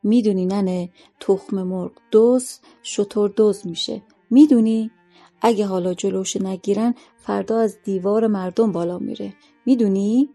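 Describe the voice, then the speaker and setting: A woman's voice: mid-range voice, steady tone, warm tone, soft background music, lightly acted. A woman voicing a stern, ill-tempered male school vice-principal who lectures, in a story reading.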